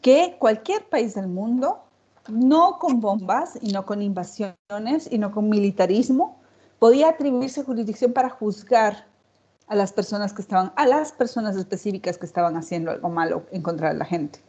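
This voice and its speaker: A woman's voice: mid-range voice, animated, moderate pace, warm tone, husky. A woman speaking off the cuff as a panelist, emphatic, building her points with repeated phrases. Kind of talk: unscripted public talk. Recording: dull, lo-fi audio.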